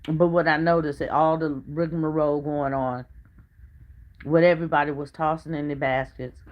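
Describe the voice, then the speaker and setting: A woman's voice: low-pitched, level tone, moderate pace, muffled recording. A middle-aged woman, a family vlogger, telling a personal story to her viewers in a chatty, earnest way. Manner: chatty and earnest, drops to a hush when retelling what others said.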